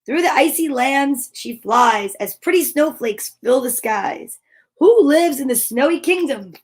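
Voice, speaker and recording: Reading picture books for kids, this high-pitched, unhurried host fills her story time with expressive gasps and gushing exclamations. She keeps breaking off for chatty asides to her viewers.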